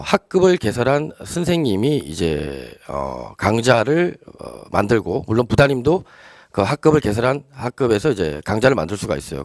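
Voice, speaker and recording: Guy explaining stuff to teachers on a live stream, lots of uh's, bouncy pitch, dry sound. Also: no room sound. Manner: explanatory, many hesitations and fillers. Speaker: education official answering teachers' questions.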